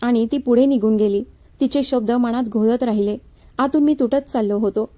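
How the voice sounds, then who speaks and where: A woman narrating a dramatic story in a measured, even storytelling manner. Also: fairly high pitch.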